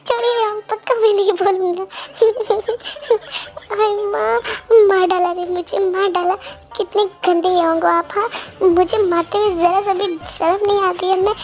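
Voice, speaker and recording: A woman voicing a cheeky teenage younger brother who whines and pleads, in a fan-dub drama. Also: extremely high pitch. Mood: pleading. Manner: pleading, playful, complaining.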